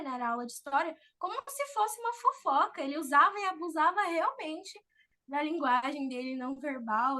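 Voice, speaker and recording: A woman giving an informal online talk on public speaking, expressive and acting out the voices she quotes. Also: sits high.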